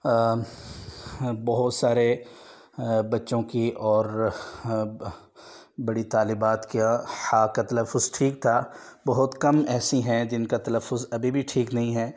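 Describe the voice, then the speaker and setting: Flat-voiced male Quran teacher. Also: medium pitch. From Pakistan. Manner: stretches out each letter sound slowly as a model, then explains at a brisk pace. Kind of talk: online lesson for beginners.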